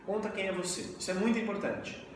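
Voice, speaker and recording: A man in his thirties from Brazil, giving a lively live training talk and asking the audience questions. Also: high-pitched, fast. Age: 30s. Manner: energetic, asks the audience questions. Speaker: network marketing trainer. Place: event room with audience. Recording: echoey hall, mic far off, faint hiss.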